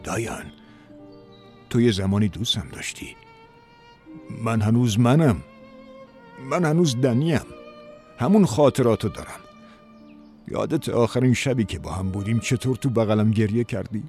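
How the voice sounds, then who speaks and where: A man voicing an aging, remorseful lover who speaks in a low, hushed, earnest way. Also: pauses often, soft background music, lightly acted. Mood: remorseful, tender.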